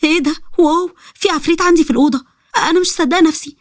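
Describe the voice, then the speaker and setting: A woman's voice: high-pitched, lively intonation, rapid-fire, dry recording, studio quality, voice pushed up. A woman with an Egyptian accent voicing a vain, giddy teenage girl who squeals and admires herself. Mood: thrilled. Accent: Egyptian Arabic.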